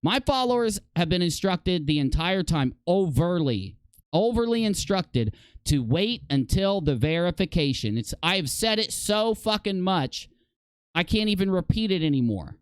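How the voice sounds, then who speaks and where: A man's voice: high-pitched, very animated, measured pace, smooth, dry recording. A man hosting a live stream, ranting in exasperated, heated commentary as he reads posts aloud. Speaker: livestream host.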